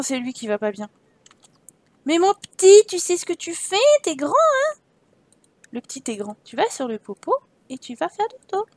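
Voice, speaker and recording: A woman's voice: high voice, no room sound. A woman giving casual, chatty commentary while playing a life-simulation game, teasing her characters and getting exasperated. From France. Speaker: game streamer.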